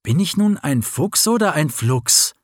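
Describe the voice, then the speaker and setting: A man's voice: fairly high pitch, lively intonation, measured pace, no echo, clean studio sound, voice pushed up. A man voicing a restless, self-doubting young fox in a storybook reading. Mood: questioning.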